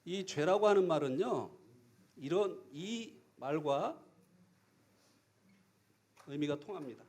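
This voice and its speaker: A man preaching a sermon, telling stories with lively acted-out scenes, sudden shouts and frequent questions to the congregation. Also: fairly high pitch, takes it slowly. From South Korea. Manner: animated storytelling, acts out scenes and shouts; asks the congregation for replies often.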